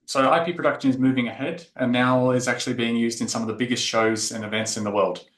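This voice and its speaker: A man's voice: medium pitch, steady tone, quick pace, a bit bright. Australian-born man giving a tech talk. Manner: explanatory, filler-heavy delivery. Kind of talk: technical conference presentation. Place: conference room. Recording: echoey conference room.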